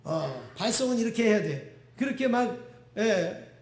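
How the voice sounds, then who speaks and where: A middle-aged male pastor delivers a sermon in a lively, conversational way. He often asks the congregation questions and acts out the voices he quotes. His voice sits on the high side, and it echoes around a roomy church sanctuary. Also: a little slow.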